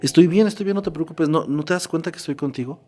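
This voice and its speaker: Restless young female ghost voiced by a man, pleading, pitched up a little. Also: fast talker, mellow, soft background music, natural voice.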